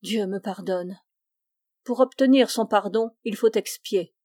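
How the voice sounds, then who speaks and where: Femme lisant une mère âgée implacable, ton sec et autoritaire, voix chaude, prise sèche. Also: female voice, medium pitch, a little slow, mellow, no room sound, studio quality, lightly acted. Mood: severe. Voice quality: cold, commanding. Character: stern devout aristocratic mother, older woman.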